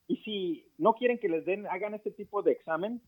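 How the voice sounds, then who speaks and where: A man with a Mexican accent telling a crude story in casual chat, animated and profane, full of slang. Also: sits high, normal speed, narrow, tinny audio. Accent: Mexican Spanish. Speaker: podcast co-host. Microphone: phone.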